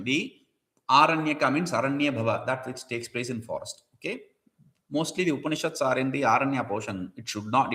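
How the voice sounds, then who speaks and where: Man, scripture lecture, lively up-and-down pitch, bright tone, mixes chanted Sanskrit with explanation. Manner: explains each Sanskrit term in English, chants verses.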